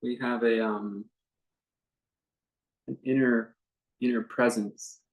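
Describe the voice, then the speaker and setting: A male teacher leads a guided meditation in an unscripted, conversational style, his gentle phrases halting and broken by long pauses. His voice is mid-range with a steady tone, and the audio sounds dull.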